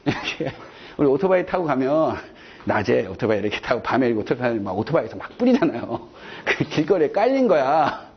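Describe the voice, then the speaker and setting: A man's voice: medium pitch, very animated, fairly quick, breathy edge. A man giving a chatty classroom law lecture, digressing and checking in with his students. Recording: dull lo-fi lecture recording.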